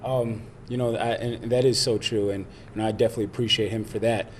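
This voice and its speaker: A man's voice: on the low side, fairly even intonation, fast talker, a little hiss or hum. A man, a football player, answering interview questions in a rambling way full of fillers.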